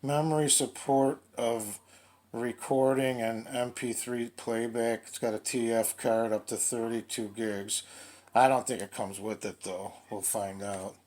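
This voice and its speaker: With a mid-range, slightly mellow voice and fairly even intonation, a gadget reviewer narrates an unscripted unboxing, hesitating and working through his thoughts aloud.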